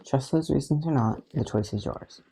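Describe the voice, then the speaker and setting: Reader doing stern male vigilante, low, clipped, deadpan, gravelly. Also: moderate pace, a little hiss or hum, natural voice, poor audio.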